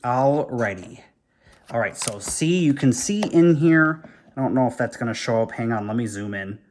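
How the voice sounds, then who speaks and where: A man's voice: mid-range voice, lively intonation, normal speed, darkish tone, slight background noise. A man giving a casual hands-on toy review indoors at home. He talks in a chatty, rambling way and thinks aloud while he works with his hands.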